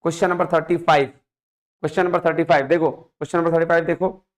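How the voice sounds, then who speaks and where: A man teaching an exam prep lesson, going through quiz questions, reading English question text slowly and explaining in quick asides while coaxing students to answer. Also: fairly high pitch, level tone. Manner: coaxing, keeps asking students to tell the answer.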